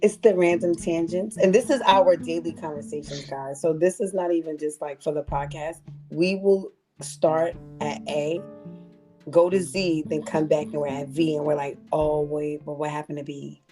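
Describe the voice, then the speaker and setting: A woman co-hosting a casual podcast, telling stories in an animated way and jumping between tangents. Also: low voice, moderate pace, music in the background. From California. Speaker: podcast co-host. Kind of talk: casual chat.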